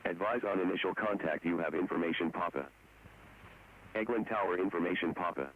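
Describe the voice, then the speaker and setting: Guy reading the airport weather broadcast, real low voice, tinny radio sound, steady and clipped. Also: fairly quick. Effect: airport weather broadcast over aircraft radio. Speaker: airfield information broadcast. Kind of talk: recorded airfield weather and runway readout. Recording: tinny radio transmission with faint noise.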